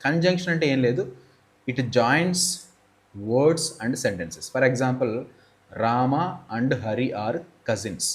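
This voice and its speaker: Male English teacher, Telugu accent, mid-pitched voice, patient step-by-step explainer who reads examples slowly. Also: animated. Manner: explains step by step, often asks and answers his own questions. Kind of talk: grammar lesson.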